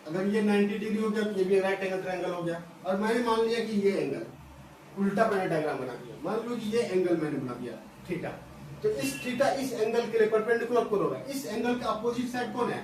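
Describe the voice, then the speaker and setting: A man's voice: high voice, animated, brisk, darkish tone. A man teaching a school maths lesson at a board, explaining step by step, repeating phrases and often checking whether students follow. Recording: echoey room from a distance, faint hiss.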